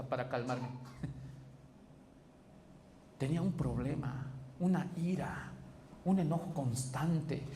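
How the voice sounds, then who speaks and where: Male pastor, emphatic sermon delivery, warm mellow tone, roomy church sound. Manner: emphatic preaching with big pitch swings and quoted dialogue. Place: church sanctuary. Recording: echoey church hall with faint noise.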